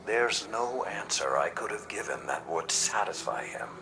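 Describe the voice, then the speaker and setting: An actor playing a stern, battle-hardened old warlord commander in a video game, solemn and weighty, with a deep gravelly voice. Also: male voice, very animated, normal speed, background noise, exaggerated voice. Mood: frustrated, brooding. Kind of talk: dramatic video game dialogue. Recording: music behind the voice.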